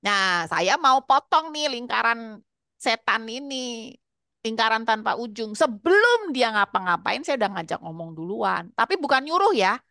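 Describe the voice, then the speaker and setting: A middle-aged woman gives frank, explanatory advice to a mother. Her voice sits a little high and sounds bright, recorded dry and close. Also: very animated, normal speed, no room sound. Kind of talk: advice conversation.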